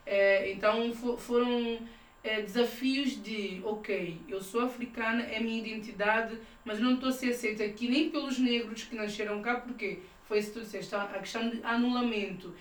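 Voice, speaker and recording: A woman born in São Tomé, who moved to Portugal at ten, hosts a podcast in a relaxed, conversational interview style. Her voice is a little high, with fairly even intonation and a moderate pace. The recording sounds echoey, with a distant mic and faint noise.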